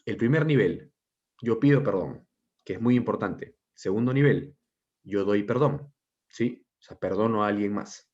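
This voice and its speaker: A man teacher giving an online class lecture, explaining step by step and often checking in with a quick question. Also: fairly low pitch, darkish tone. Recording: dull lo-fi audio.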